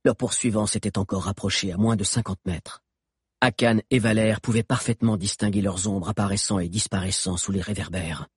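Husky male narrator, dry close sound, animated storytelling. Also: fairly low pitch, no echo. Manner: expressive, dramatic reading. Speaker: audiobook narrator. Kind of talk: scripted narration.

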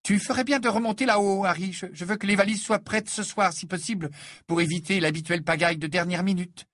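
A man voicing a bustling, bossy middle-aged witch and mother who talks loudly and briskly, his voice pushed up high. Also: steady tone, no room sound, clean studio sound.

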